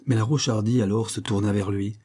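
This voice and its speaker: Low, husky male audiobook narrator. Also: steady tone, warm tone. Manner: measured, dramatic storytelling. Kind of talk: scripted narration.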